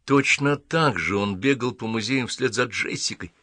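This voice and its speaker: A man reads an audiobook in a steady, measured way at medium pitch. The recording is dry and the studio sound is clean.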